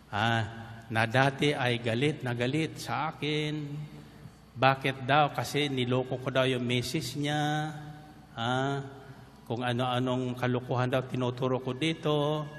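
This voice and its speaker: A man's voice: medium pitch, a bit bright. A man preaching a sermon to a congregation, mixing in English and repeatedly calling for "Amen" responses. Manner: mixes Tagalog and English, calls for "Amen" responses. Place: large hall with congregation. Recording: reverberant hall, faint background noise.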